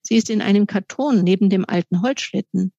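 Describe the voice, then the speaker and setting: A woman's voice: medium pitch, brisk, vocal fry, mellow, no room sound. A woman voicing a father in a storybook, in a plain, matter-of-fact tone. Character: a father, a calm adult man. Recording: dry, slightly dull recording.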